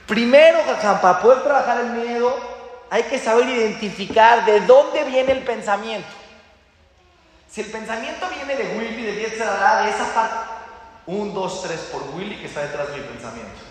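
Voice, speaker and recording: A man giving a religious talk to an audience. He teaches in an animated way, acting out little dialogues and asking rhetorical questions. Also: sits high, moderate pace. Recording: very echoey hall with long reverb.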